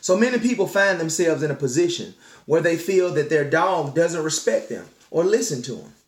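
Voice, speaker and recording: A man's voice: a little high, animated, moderate pace. A man hosting a dog-training podcast, speaking earnestly like a preacher and repeating key phrases for emphasis. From Alabama. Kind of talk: podcast monologue, partly read from notes. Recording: echoey room.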